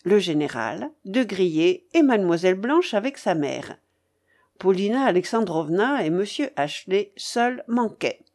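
Casting: woman audiobook narrator, unhurried, mellow tone, lively melody. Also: mid-range voice. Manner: expressive, deliberate reading. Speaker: audiobook reader. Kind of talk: scripted narration.

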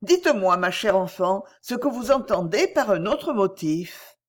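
A woman's voice: mid-range voice, animated, unhurried. A woman reading aloud and voicing a worried, watchful middle-aged mother who presses her daughter urgently. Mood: anxious pressing.

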